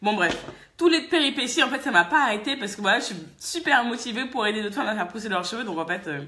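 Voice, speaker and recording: A woman's voice: fairly high pitch, fast talker, a little hiss or hum. A French woman vlogger from France, telling a casual, chatty story and laughing often. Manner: lively, chatty, laughs often, many fillers. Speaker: vlogger and hair-care business owner.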